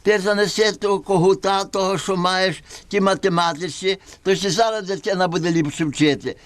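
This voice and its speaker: A man's voice: high-pitched, steady tone, fairly quick, dry recording, close to an everyday voice. A man playing a garrulous, folksy sixty-year-old villager with a Galician western Ukrainian accent in a puppet comedy. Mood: friendly, chatty. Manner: garrulous, folksy, repeating himself. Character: chatty sixty-year-old village man giving foolish homely advice. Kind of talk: folk puppet theatre comedy.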